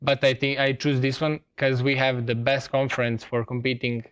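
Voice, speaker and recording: A young man from Serbia answers a host's questions in English with a Serbian accent, in a smooth, clear voice. He talks earnestly and pauses often to find his words, sitting as a guest in a television studio. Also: medium pitch, little pitch movement, fairly bright tone. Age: young adult. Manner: earnest, with many hesitations. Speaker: student athlete guest. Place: TV studio set.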